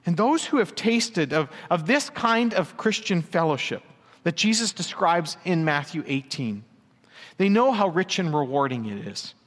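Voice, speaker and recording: A man's voice: a little high, lively intonation, unhurried, long reverb tail. A male pastor, preaching a conversational sermon with asides and dry jokes.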